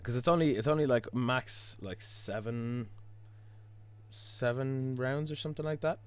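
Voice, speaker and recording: A hoarse Irish man with his voice stuck low, chatting casually while live-streaming a game, rambling with lots of fillers and restarts. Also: a little slow, dry recording. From Ireland. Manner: rambling, many fillers and restarts, chuckles often.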